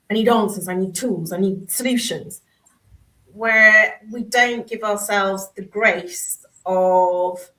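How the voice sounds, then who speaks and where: A woman's voice: mid-range voice, fairly bright tone, poor audio. A woman hosting a reflective conversation over a video call, thinking aloud and searching for her words. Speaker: host.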